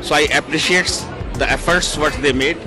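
Middle-aged man, ambassador guest, eager halting English, slightly high voice, music playing behind. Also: crowd noise. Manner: enthusiastic, halting non-native English. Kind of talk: event interview. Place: outdoor embassy courtyard. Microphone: handheld mic. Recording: background music.

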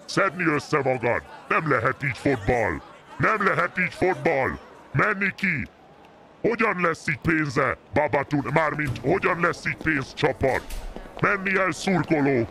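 A man's voice: a little high, sharp tone. A man playing a stern football manager in a comic game role-play, barking curt orders in broken grammar. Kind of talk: comic role-play of a dressing-room telling-off.

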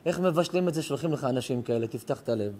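A man's voice: mid-range voice, noisy background. A middle-aged man, a rabbi, telling a heartfelt story in a moral sermon, his voice rising and cracking with emotion. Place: synagogue or home lecture hall.

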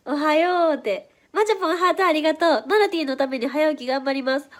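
A young-sounding woman with a Kansai accent chats on a casual livestream, her voice pitched high and a little stuffy from hay fever. She reacts to viewers quickly and playfully. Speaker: idol livestream host. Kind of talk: casual livestream chat reading viewer comments.

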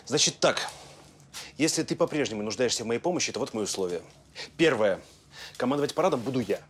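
A man's voice: mid-range voice, expressive, fast, a little hiss or hum, lightly acted. Sardonic self-assured detective, a man playing him. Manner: ironic, commanding. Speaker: private detective. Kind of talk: TV drama acting.

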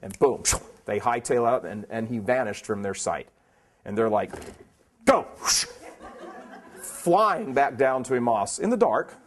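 A man's voice: mid-range voice, animated, normal speed. A man giving a preaching talk at a conference, emphatic and plainspoken, firing rhetorical questions at his listeners. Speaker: conference speaker.

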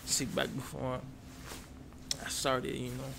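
A man's voice: medium pitch, monotone, takes it slowly, creaky, background noise. A man voicing a frantic, down-on-his-luck addict who begs and rambles repetitively in an ASMR role-play. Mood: wistful rambling.

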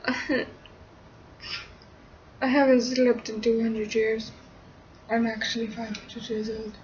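Born in Liverpool but with only a trace of it in her English accent, this young vlogger answers viewer questions in a casual webcam Q&A, her high, bright voice level and slow, pausing often. She's giggly, easily sidetracked, and coos baby talk at her cat. The webcam sits at arm's length in a small room where she sits against a wall, giving dull, lo-fi sound with slight background noise.

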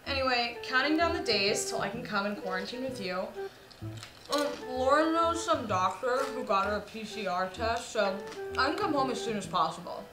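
A woman's voice: a little high, lively intonation, moderate pace, close to an everyday voice. A young woman acting an anxious, exasperated, sarcastic roommate in a comedy sketch. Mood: chatty. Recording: roomy sound with music.

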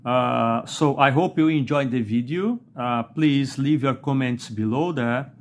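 A middle-aged man with a Brazilian Portuguese accent, not a native English speaker, gives an unscripted review of a fountain pen while writing at an indoor desk. He talks slowly and haltingly at a medium pitch, with many "uh"s and a questioning "okay?".

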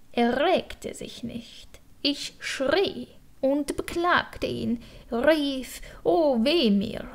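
Grieving male crow, read by a woman: lamenting and pleading, slow and gravelly, for an audiobook. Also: high voice, heavily acted. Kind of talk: audiobook verse reading.

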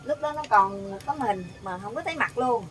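An older woman telling a family quarrel story, animated and quoting others in quick bursts. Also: fairly high pitch, far from the mic, slight background noise, low-quality recording. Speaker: interviewee. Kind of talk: heated storytelling.

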